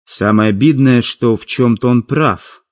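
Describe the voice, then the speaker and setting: Igor, a man reading as a calm young man. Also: mid-range voice, unhurried, natural voice. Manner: calm, slightly embarrassed. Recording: dull lo-fi audiobook with faint music.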